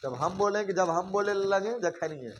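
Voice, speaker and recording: High-voiced man drilling a class. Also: lively intonation, normal speed, highs cut off, slight background noise. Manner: repetitive rhyming mnemonic drilling, teasing students. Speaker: teacher. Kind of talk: classroom lesson with call-and-response drilling. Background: class of students responding.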